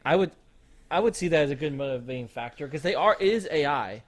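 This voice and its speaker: A man's voice: a little high, lively intonation, fast, slight background noise. A man co-hosting a casual movie podcast, teasing and joking, then reasoning through ideas aloud. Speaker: podcast co-host. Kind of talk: casual movie-review chat.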